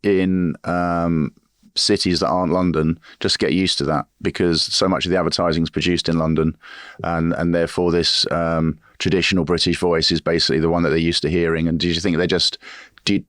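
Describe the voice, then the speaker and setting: A man's voice: deep voice, little pitch movement, fairly quick, a bit bright, no echo, studio quality. A man hosting a podcast interview, asking long, rambling questions full of restarts. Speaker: podcast host.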